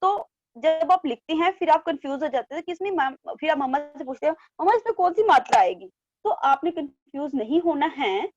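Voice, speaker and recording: A woman teacher giving an online class to young children, drawing out syllables slowly and repeating each word twice for them to copy. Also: high voice, dull audio. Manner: coaxing, repeats words in pairs. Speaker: primary school teacher. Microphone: online class from home.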